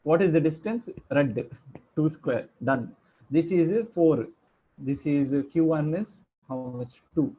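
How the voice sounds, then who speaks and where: A man's voice: a little high, animated, slow pace, mellow, slightly rough, lo-fi sound. A man teaching a class over a video call, chatty and joking as he quizzes his students. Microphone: computer microphone on a video call.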